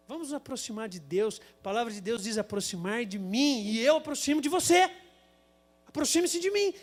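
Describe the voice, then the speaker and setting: A Brazilian man preaches with a strikingly high voice for a man. He builds his sermon around a lively, comic personal story. His delivery is animated and dramatic. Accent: Brazilian Portuguese. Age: adult, married with a son.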